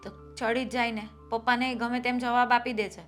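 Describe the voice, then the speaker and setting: An actress playing a patient, worried wife and elder sister-in-law who reasons calmly about family troubles. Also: female voice, fairly high pitch, normal speed, soft background music, lightly acted. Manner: calm, reasoning, then pushing back. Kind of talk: family drama acting.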